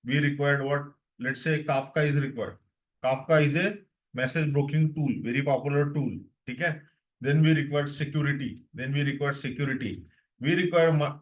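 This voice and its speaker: Speaking at a medium pitch, this young Indian English-accented man is a DevOps instructor leading a live online tech session. He tends to say things more than once and keeps asking whether his students are following along.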